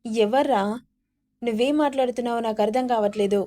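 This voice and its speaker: A man's voice: very high-pitched, fairly quick, dark tone. A woman voicing a nervous young man, a loyal friend and brother, who talks in a flustered, pleading way.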